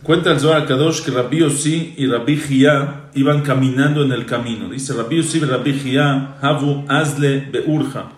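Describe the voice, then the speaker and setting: A man's voice: mid-range voice, steady tone, normal speed, hardly any pauses. A man, a rabbi, teaching a Torah class, quoting passages in Hebrew and Aramaic, then explaining and repeating phrases. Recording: roomy echo.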